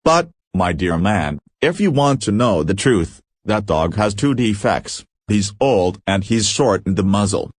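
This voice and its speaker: A man's voice: on the low side, animated, unhurried, few pauses, no echo, studio quality. A man reading the part of a hot-tempered, fussy older landowner father in a play. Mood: smug.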